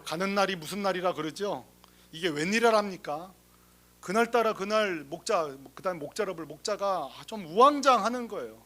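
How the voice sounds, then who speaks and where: A male senior pastor with a notably high-pitched voice delivers a sermon. He tells humorous stories in a lively way, slipping into the voices of the people in them, and keeps turning to the congregation with questions. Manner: lively, humorous storytelling that acts out the people in the story; talks straight to the congregation with rhetorical questions.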